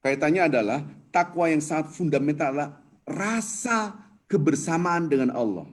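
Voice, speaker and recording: A man teaching an Islamic dawn lecture on a video call, telling stories with a lively, rising voice when he explains. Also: normal speed. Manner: lively storytelling preacher, rises in pitch when explaining. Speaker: ustadz giving a dawn study lecture.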